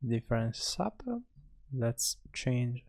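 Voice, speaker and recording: This instructor walks through a software tutorial in a creaky, mid-range voice. His delivery is halting, broken up by pauses between brief phrases.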